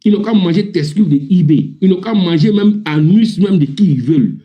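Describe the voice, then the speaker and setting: The recording is muffled, but this debater's high, animated voice comes through briskly. He is from Ivory Coast, speaking with an Ivorian accent in a heated, informal live political debate, indignant, emphatic, and often repeating himself.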